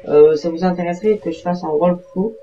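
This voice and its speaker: A man's voice: high voice, steady tone, quick pace, warm tone, a little hiss or hum. A man giving casual gameplay commentary as a voice-over, rambling hesitantly with many fillers and self-corrections. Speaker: gaming video maker. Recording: dull lo-fi home recording.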